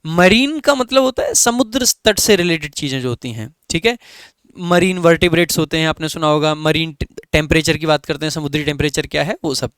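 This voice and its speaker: A man's voice: on the high side, fairly quick, a bit bright, clear, resonant tone, dry recording. A man with an Indian English accent teaching an online exam-prep lesson, explaining each answer option step by step.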